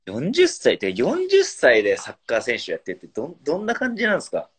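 A man's voice: mid-range voice, wildly swooping pitch, quick pace, slightly rough. A man in his thirties hosting a casual live stream, reading out viewer comments and teasing his guest. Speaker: pro footballer, live-stream host.

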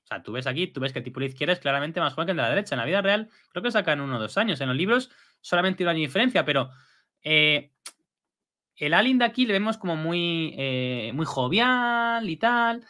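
Lively, bright-voiced man, chatty. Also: a little high, a little fast. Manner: chatty, lively, with frequent fillers and tag questions. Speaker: video host. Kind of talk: casual episode breakdown.

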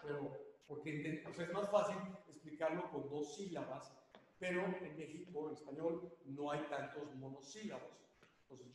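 An older man teaches tap dance, explaining each step slowly and repeating the step names to demonstrate. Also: fairly high pitch. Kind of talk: spoken dance lesson. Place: dance studio. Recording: very echoey studio, long reverb.

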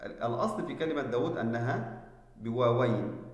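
A male teacher giving a spelling lesson, explaining slowly and deliberately and checking that students follow. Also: medium pitch, highs cut off. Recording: echoey room with long reverb.

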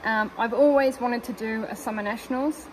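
A woman's voice: fairly high pitch, moderate pace, a little mellow, slight background noise, poor audio. A New woman chatting casually and rambling about her car, with lots of fillers and giggles, recorded in a car. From New Zealand. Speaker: car owner guest. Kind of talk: casual chat. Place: in a parked car.

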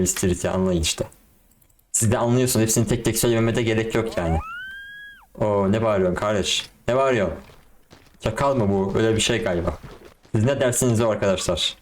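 A young man giving casual, excitable commentary on a game and talking to his viewers in slang. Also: on the low side, slight background noise. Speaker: gaming YouTuber.

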